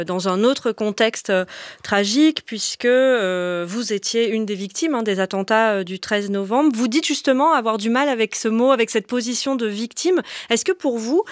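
A woman hosting an interview, asking measured, formal questions. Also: a little high, no room sound, clean studio sound. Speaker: interviewer, host.

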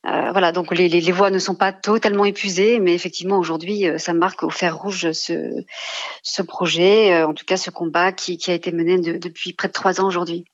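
A woman, an environmental lawyer, answering a radio interview in a halting way, full of fillers and restarts. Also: on the low side, steady tone, no echo, dull audio. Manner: hesitant, many fillers and restarts, legal vocabulary.

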